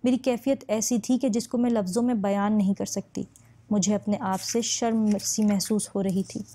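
A woman reading a novel aloud in the first person, steady and measured. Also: mid-range voice. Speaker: audiobook narrator.

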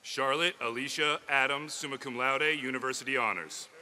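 A man reading out graduates' names one by one at an outdoor commencement ceremony, steady and formal into a podium mic. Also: medium pitch, normal speed. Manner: steady, clear formal announcing. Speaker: commencement name reader.

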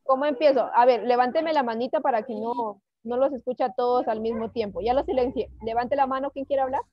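A woman leads an online English lesson with a high, bright voice, patient and coaxing as she mixes Spanish with English. The sound is dry and a little dull. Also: steady tone, a little fast, no echo. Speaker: English teacher. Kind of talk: online class teaching.

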